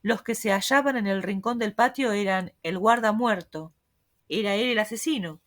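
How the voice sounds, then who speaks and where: A woman reading the lines of a stern male court president, speaking gravely and with a threatening edge. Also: mid-range voice, normal speed, a bit bright, natural voice. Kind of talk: audiobook reading.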